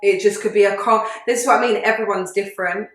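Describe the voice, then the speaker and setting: A British-accented woman co-hosts a YouTube chat, reacting to confessions in a blunt, opinionated and very sweary way. She talks fast with fairly even intonation, a medium pitch and a fairly bright tone. Faint music plays behind her in an echoey room.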